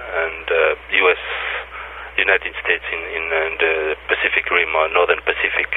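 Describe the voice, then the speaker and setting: A man's voice: sits low, level tone, normal speed. A man from New Caledonia, a guest in an interview over the phone, hesitant with many ums and restarts. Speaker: interview guest, advocacy group director. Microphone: telephone. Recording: tinny phone line, faint hiss.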